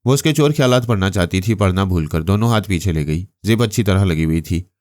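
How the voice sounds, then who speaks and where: Male audiobook narrator, very deep voice, measured delivery, dry close sound. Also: no room sound. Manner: steady, measured storytelling. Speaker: storyteller.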